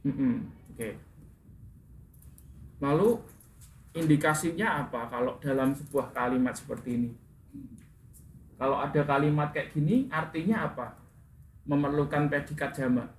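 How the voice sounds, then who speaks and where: Speaking a little slowly with frequent pauses, a male English teacher with a slightly high voice corrects his students' pronunciation and quizzes them. Faint room noise and echo fill the classroom recording.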